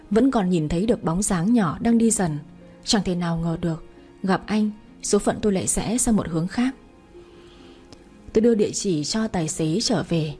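A woman's voice: medium pitch, warm tone. A woman narrating a sad first-person story in a sorrowful, emotional way. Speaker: audiobook narrator.

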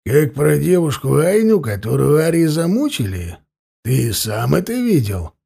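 A man playing a grim warrior interrogating a captive, his voice low-keyed, quiet and even, each word slow and deliberate. A gravelly, dark edge makes the calm feel threatening in this audiobook story. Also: full character voice. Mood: cold.

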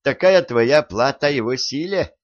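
A man's voice: medium pitch, lively intonation, a little slow, no echo, pitched above the performer's own voice, close to an everyday voice. A man voicing an arrogant, quarrelsome teenage boy in an audiobook, speaking haughtily and sharply. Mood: haughty. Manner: haughty, quarrelsome, raising his voice. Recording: dull lo-fi recording.

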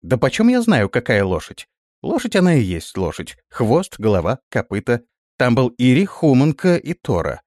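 A man's voice: medium pitch, huge pitch swings, normal speed, darkish tone, no room sound, clean studio sound. A man voicing a hot-tempered, jealous young woman with fangs, bossy and threatening. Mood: indignant.

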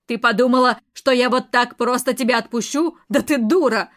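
A brutal, domineering police colonel in an audiobook, voiced by a woman narrator. He speaks slowly and loudly, with cold, mocking menace, in a fairly high, light voice. Every line is a threat. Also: lightly acted. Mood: furious, threatening. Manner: loud, slow, threatening and mocking. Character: domineering menacing man, militia colonel, murderer.

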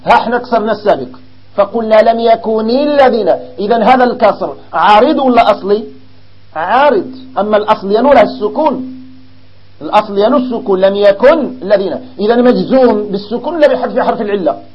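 A man with a Moroccan accent teaching an Arabic grammar lesson to a class, explaining slowly and quizzing his students. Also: high-pitched, lively intonation, highs cut off. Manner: explains slowly, asks the class questions, mixes in dialect.

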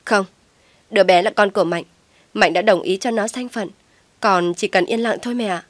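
A woman's voice: mid-range voice, normal speed, no room sound, natural voice. A woman voicing a stubborn young daughter who pleads tearfully with her mother, recorded dry and close. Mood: pleading.

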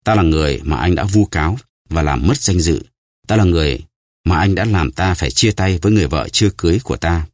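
Brief: man doing a grave, commanding nobleman, very deep and dry. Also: no room sound. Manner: solemn, grave. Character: stern vengeful nobleman, solemn and commanding.

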